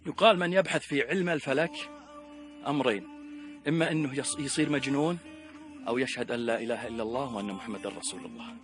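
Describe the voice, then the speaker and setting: Saudi guy preaching, mid-pitched voice, emphatic, gets loud then quiet, faint music under it. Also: fast talker. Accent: Saudi Gulf Arabic. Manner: emphatic, swings between loud exclamations and hushed asides. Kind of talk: religious reflection talk.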